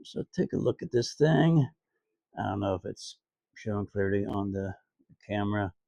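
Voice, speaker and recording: A man's voice: fairly low pitch, animated, normal speed, gravelly, warm tone, dry recording. A man hosting a casual cigar review vlog outdoors, rambling in a laid-back way with fillers and crude jokes. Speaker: cigar reviewer, channel host. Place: outdoors on a sunny day.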